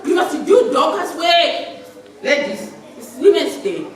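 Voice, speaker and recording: A woman preaching a sermon in a church hall, animated and laughing often as she talks. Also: very high voice, slow pace. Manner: animated, laughing often, acting out shouted commands. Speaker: lay preacher. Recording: echoey church hall, mic far off, congregation audible.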